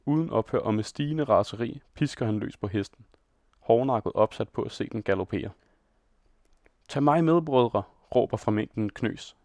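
A man presenting a scripted literary radio feature and reading a novel aloud in a measured, dryly ironic manner on a close studio mic. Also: fairly low pitch, a little mellow, dry recording.

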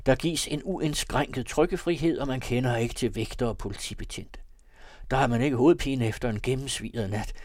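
A reckless young man on his deathbed spins ironic fancies in a wry, rambling way, as a man reads him for an audiobook. Mid pitch, heard close and dry. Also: a little mellow, no room sound, lightly acted. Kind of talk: audiobook reading of a classic novel.

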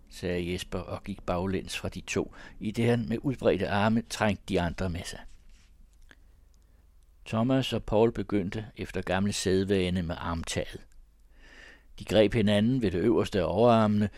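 A man narrating literary fiction aloud in a measured storytelling manner. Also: deep voice, a little mellow, no echo, studio quality.

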